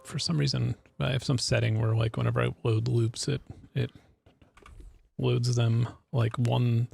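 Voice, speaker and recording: A man's voice: mid-range voice, flat delivery, unhurried, vocal fry, a little mellow, breathy edge, faint music behind. A man speaking as a guest in a casual livestream chat, laid-back and often trailing off.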